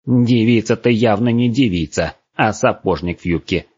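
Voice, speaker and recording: Creaky, grumpy old forest witch, a man putting her on for a storybook; slow scolding drawl, husky edge. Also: fairly low pitch, darkish tone, dry recording. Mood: mocking. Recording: dull, dry lo-fi recording.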